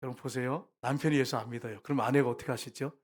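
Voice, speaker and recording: A man preaching a sermon to his congregation as their pastor. He speaks with emphasis and often rises to loud, repeated calls to the listeners. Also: medium pitch, steady tone, racing. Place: church sanctuary.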